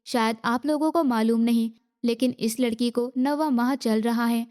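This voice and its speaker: A woman's voice: a little high, fairly even intonation, darkish tone, natural voice. A woman reading the part of a stern, sarcastic woman doctor in an audiobook. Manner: sarcastic, blunt.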